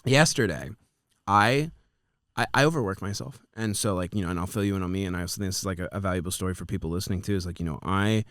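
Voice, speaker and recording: A man's voice: sits low, fast, fairly bright tone, dry recording, clean studio sound. A man in his twenties hosting a podcast, chatting casually and rambling with lots of fillers and swearing. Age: 20s. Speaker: podcast host.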